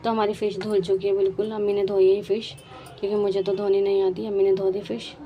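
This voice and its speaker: A woman's voice: medium pitch, level tone, fast talker, dark tone, soft background music. A woman chatting straight to her viewers in a casual home cooking vlog, talking from her kitchen. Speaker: vlogger.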